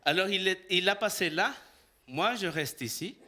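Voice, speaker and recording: A man's voice: sits high, lively intonation, moderate pace, bright, forceful tone. A man from El Salvador, a preacher telling a personal story in a sermon, acting out the dialogue and laughing often.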